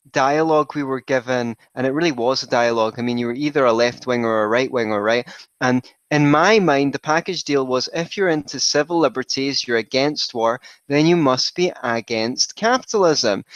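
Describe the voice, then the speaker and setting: A man's voice: mid-range voice, dry recording, muffled recording. A man with a Scottish accent, a podcast guest telling his story in a wry, rambling way that keeps correcting itself. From Scotland. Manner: wry, digressive, self-correcting. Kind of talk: casual interview chat.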